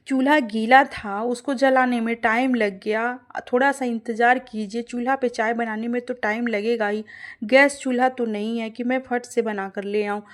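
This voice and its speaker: A woman's voice: a little high, steady tone, moderate pace, natural voice. A woman voicing a poor, patient young daughter-in-law who speaks politely in a cartoon story. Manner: polite, respectful.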